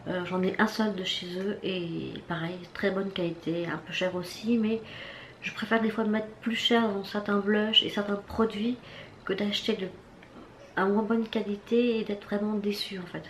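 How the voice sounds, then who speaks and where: A woman's voice: mid-range voice, fairly even intonation, moderate pace. Woman chatting through a makeup haul. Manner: chatty, hesitant with many fillers and restarts. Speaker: beauty vlogger. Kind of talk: casual makeup haul review. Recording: echoey room with faint background noise.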